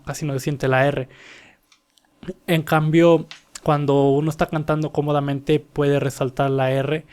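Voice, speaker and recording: A man's voice: mid-range voice, darkish tone. A young man breaking down a singer's vocal technique in a casual way, stopping to sing short examples. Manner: explains with sung demonstrations. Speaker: vocal coach analyzing a singer.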